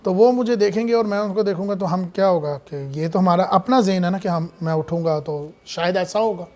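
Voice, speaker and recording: A man preaching a sermon, swinging from hushed asides to loud, impassioned lines with many rhetorical questions. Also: sits high.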